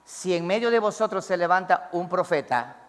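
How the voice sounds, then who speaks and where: A man preaching a sermon as pastor, emphatic, swinging between loud calls to the congregation and low asides. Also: expressive, normal speed, in a large hall. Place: church.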